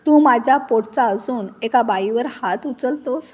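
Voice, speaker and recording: A woman's voice: fairly high pitch, a little slow, close to an everyday voice. A woman playing a fierce, protective older mother-in-law. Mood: indignant. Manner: tearful, indignant.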